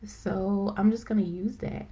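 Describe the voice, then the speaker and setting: A woman hosting a live stream, chatting casually and excitedly with lots of fillers, rambling as she goes. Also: medium pitch. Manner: excited, self-described as talking fast. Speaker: host of a live video chat. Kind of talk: casual faith-based chat. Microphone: phone or computer for a live stream.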